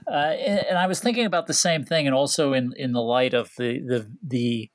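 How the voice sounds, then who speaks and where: A man's voice: medium pitch, fairly quick, no room sound. A man co-hosting a sports talk show, talking casually and hesitantly with many fillers. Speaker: podcast co-host.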